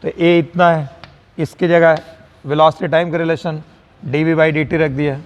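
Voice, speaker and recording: A male physics teacher talks his students through a problem, with a slightly higher voice. He dictates slowly word by word, then breaks off into encouraging asides. The sound carries a long reverb. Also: level tone, clean tone, dull audio. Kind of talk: online lecture.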